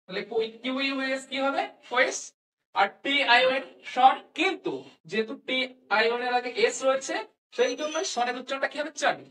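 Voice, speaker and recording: Woman, teacher, lesson, repeats sounds slowly, slightly high, echoey room. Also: fairly bright tone, far from the mic. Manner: asks questions and answers them herself, repeats sounds slowly. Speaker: English pronunciation teacher. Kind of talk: classroom-style lesson.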